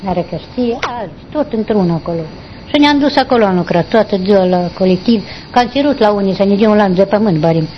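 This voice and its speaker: An older woman, recalling her past in a rambling, halting way during an interview. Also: medium pitch, animated, slight background noise. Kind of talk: oral history recollection. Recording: dull lo-fi recording.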